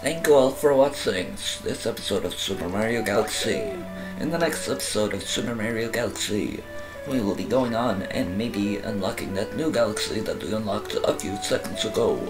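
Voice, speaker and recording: A gamer doing a deep monotone robot announcer. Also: moderate pace, music in the background, lightly acted, poor audio. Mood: stiff robotic. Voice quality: lowered, flat robotic monotone. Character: low slow robot announcer signing off. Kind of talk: let's play video game commentary outro.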